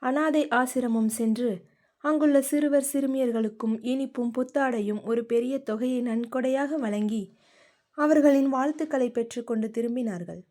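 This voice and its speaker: A woman narrates a romance novel with steady, expressive reading. Her voice is mellow and dark in tone yet sits a little high. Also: moderate pace. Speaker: audiobook narrator.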